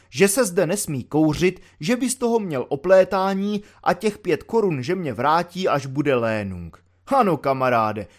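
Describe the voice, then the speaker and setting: A man voicing a bitter, mocking young army volunteer locked in a cell, ranting sarcastically. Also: a little high. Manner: sarcastic ranting, spits out insults. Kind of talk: audiobook character voice.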